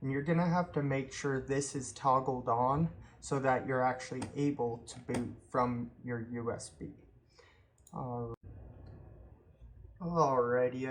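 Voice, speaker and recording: In a screen-recorded how-to, a man with a mid-range voice calmly walks through a computer task step by step. He takes his time, dropping in the occasional um.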